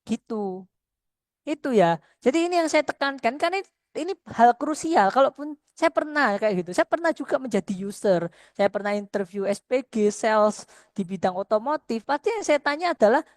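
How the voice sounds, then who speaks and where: A woman's voice: fairly high pitch, animated, normal speed, a little mellow, no echo, studio quality. A middle-aged woman, a lecturer, giving a conversational workshop talk to students, earnest and repeating points for emphasis.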